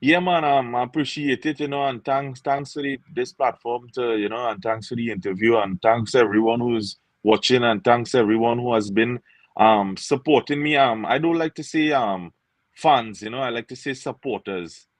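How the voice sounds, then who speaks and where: A man's voice: mid-range voice, normal speed, no echo, poor audio. Trini singer guy being interviewed, easygoing, mid voice, dry close sound. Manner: easygoing, lots of "you know" fillers. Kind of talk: casual interview chat.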